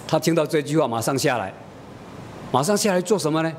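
A man's voice: expressive, quick pace. Middle-aged male pastor telling a homely story. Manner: homely storytelling, acting out dialogue. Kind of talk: sermon illustrated with a family story. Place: church. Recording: reverberant church hall, faint rumble.

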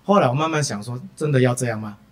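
A middle-aged man preaching a sermon through lively personal anecdotes, full of "ah" fillers. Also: medium pitch, quick pace.

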